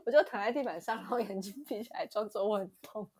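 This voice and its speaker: A woman's voice: mid-range voice, fast talker, darkish tone, breathy edge. A young woman co-hosting a casual chat, telling a story animatedly, often laughing and acting out the voices of people in it. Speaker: podcast co-host.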